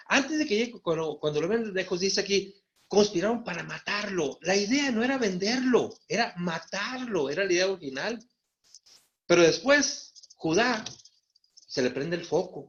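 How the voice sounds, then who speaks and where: A high-pitched man preaching a sermon. He keeps calling his listeners brothers and slips into the voices of the people in his stories. The recording is muffled and lo-fi. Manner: addresses listeners as brothers, voices biblical figures in quotes. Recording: dull lo-fi sound.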